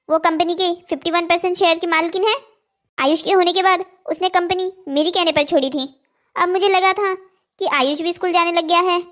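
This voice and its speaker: A woman's voice: very high voice, fairly bright tone. A woman playing a sly older mother-in-law in a cartoon. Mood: explaining. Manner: soothing, slyly teasing. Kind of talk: Hindi cartoon voice acting.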